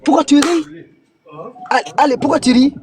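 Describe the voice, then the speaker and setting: A man's voice: extremely high pitch, fairly even intonation, normal speed, darkish tone. A man in a religious debate who reads scripture aloud and insists on his point with pressing questions.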